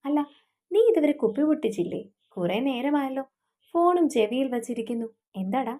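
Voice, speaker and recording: A woman's voice: high-pitched, animated, fairly quick, mellow, voice pushed up. A woman voicing a young man who is a pushy, mocking drinking buddy.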